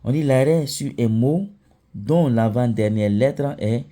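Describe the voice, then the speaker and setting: Slow, mellow-voiced man teaching recitation. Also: mid-range voice. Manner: checks in often with the listener, chants example words slowly. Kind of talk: teaching lesson.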